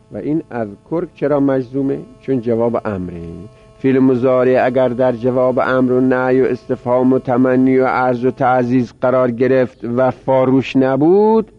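A male teacher giving a grammar lecture, explaining step by step and repeating words aloud as drills. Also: medium pitch. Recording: dull lo-fi recording with mains hum.

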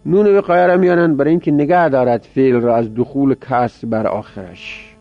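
A man's voice: medium pitch, gravelly, no echo. A male teacher giving a grammar lecture, explaining step by step and repeating words aloud as drills. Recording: dull lo-fi recording with mains hum.

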